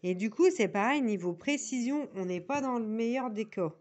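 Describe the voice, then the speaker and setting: A woman's voice: fairly high pitch, expressive, moderate pace, darkish tone. A woman with a northern French accent, talking casually to viewers in a rambling, chatty way as she shows her crafting tools. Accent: northern French (Nord). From northern France. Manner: rambling, many fillers and restarts, chatty asides. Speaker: diamond painting vlogger. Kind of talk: casual tutorial chat to viewers.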